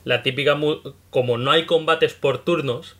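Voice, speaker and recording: A man with a Spain Spanish accent in casual chat, telling lively stories and acting out bits of dialogue. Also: a little high, moderate pace. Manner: lively storyteller, acts out characters' remarks. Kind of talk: casual chat about a video game.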